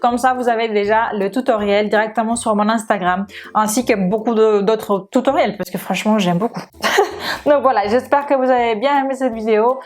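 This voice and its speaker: A woman's voice: fairly high pitch, steady tone, moderate pace. A young Spanish woman speaking French with a Spanish accent, chatting casually to camera in her vlog with many fillers. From Spain. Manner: chatty, many fillers and restarts, laughs often. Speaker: makeup YouTuber.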